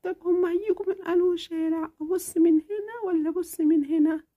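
A woman voicing a sick, eager little girl in a children's cartoon, talking in a soft, whiny, pleading way with an Egyptian accent. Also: very high voice, fairly even intonation, brisk, phone-quality sound. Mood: impatient. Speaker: cartoon character.

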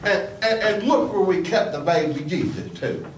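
A man playing a naive, excitable young country cousin in an amateur church play. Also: sits high, normal speed, a little hiss or hum. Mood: whiny. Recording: roomy hall, mic far off.

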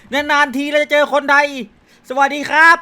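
A man giving playful, excitable gameplay commentary, laughing often and using crude slang. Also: very high voice, unhurried. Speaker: gaming YouTuber. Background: background music.

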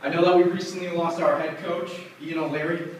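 A young man giving a coach's pep speech in a deliberate, declamatory way with a repeated refrain. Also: fairly high pitch, flat delivery. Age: young adult. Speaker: amateur hockey coach giving a locker room speech. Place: small bare cinderblock locker room, indoors. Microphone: camera across the room. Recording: very echoey room, distant camera mic, faint noise.

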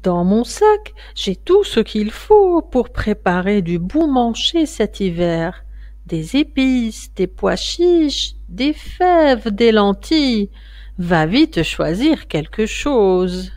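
Storybook ogress, old and scheming, sweet-talking then menacing, slow and swooping, voiced by a woman reader. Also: medium pitch, very animated, darkish tone, no room sound. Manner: wheedling then menacing, drawn-out words.

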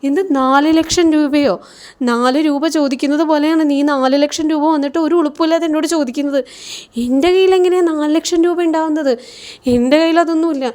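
Scolding middle-aged mother, high and quick, put on by a woman narrator. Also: darkish tone, close to an everyday voice. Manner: scolding, exasperated.

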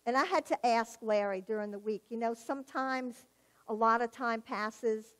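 A woman's voice: fairly high pitch, normal speed. A woman giving a personal testimony in church, telling her story vividly and acting out the dialogue. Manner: animated storyteller, acts out quoted dialogue, laughs at herself.

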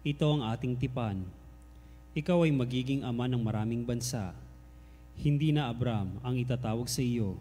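A man's voice: mid-range voice, mellow. A man serving as lector, giving formal announcements and reading scripture steadily. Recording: long church reverb with faint hum.

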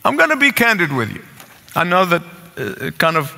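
Older man, Egyptian accent, earnest pleading preacher; high, bright voice; pulpit sermon in a reverberant sanctuary. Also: wildly swooping pitch, normal speed, gravelly. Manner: earnest, pleading, repeats phrases for emphasis. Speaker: pastor. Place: large church sanctuary with congregation. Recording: long church hall reverb.

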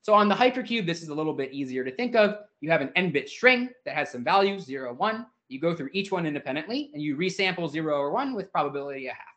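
A man with a slightly high voice delivers a theory seminar in an informal, thinking-aloud way. He hedges with "sort of" and corrects himself mid-sentence as he explains. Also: sing-song, fast, hardly any pauses, a bit bright. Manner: informal, hedging with "sort of" and restarts. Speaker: invited speaker. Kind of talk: academic seminar lecture.

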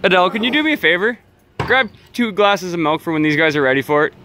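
Man, casual banter, very varied intonation, unhurried, outdoor phone recording with faint noise. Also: high voice, lively intonation, bright, forceful tone. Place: backyard patio, outdoors. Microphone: handheld phone.

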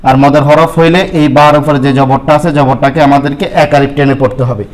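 A man teaching Quran reading, explaining step by step and repeating syllables slowly for the listener. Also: mid-range voice, steady tone, poor audio. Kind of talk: step-by-step lesson with spoken examples.

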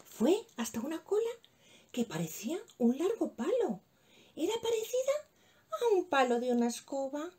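A woman tells a children's story, lively and playful, with hushed asides to the children. Her voice sits high and leaps all over its range. The tone is warm and mellow. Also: normal speed. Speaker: preschool teacher.

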